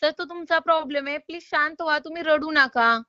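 A woman's voice: high voice, brisk, bright, forceful tone, no echo, dull audio. A woman calling to collect a loan payment, polite but insistent and exasperated. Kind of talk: phone call.

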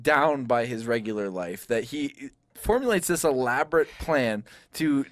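A man chatting casually as a podcast co-host, animated and quick to laugh. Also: medium pitch, no room sound. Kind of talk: casual group chat.

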